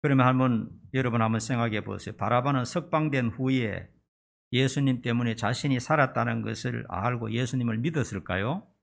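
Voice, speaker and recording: A man's voice: medium pitch, a little fast, vocal fry. A middle-aged man preaching a sermon as pastor, retelling the story dramatically. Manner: dramatic storytelling, acting out scenes.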